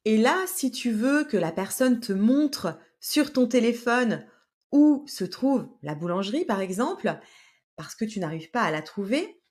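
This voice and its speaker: A woman's voice: a little high, a little mellow. A woman hosting a language-lesson podcast, talking straight to the listener in a patient way with many hesitations. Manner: speaks directly to the learner. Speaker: French teacher and podcast host.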